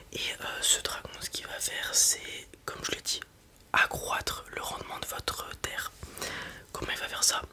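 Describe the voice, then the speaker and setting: This ASMR clip features a whispered performance of a breeder counseling a customer, explaining casually one step at a time, pausing hesitantly and checking in now and then.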